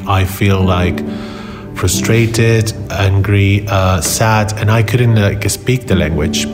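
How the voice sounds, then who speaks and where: A photographer from Spain, appearing as an interview guest, tells personal stories in conversation. He speaks with a Spanish accent in a lowish voice, haltingly, repeating words for emphasis.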